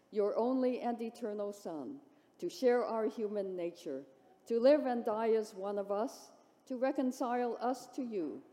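Female celebrant, reverent liturgical delivery, fairly high and mellow, long cathedral reverb. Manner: measured, reverent phrasing. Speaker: priest celebrant leading a Eucharist liturgy. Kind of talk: solemn liturgical recitation. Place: large church, indoors. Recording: long cathedral echo, large reverberant church.

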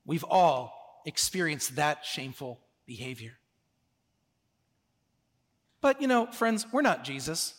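A high-pitched male pastor delivering a sermon in a church, his voice ringing through a long hall reverb. He preaches earnestly, dropping to soft, slow phrases and then rising to loud, pressing emphasis. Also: animated.

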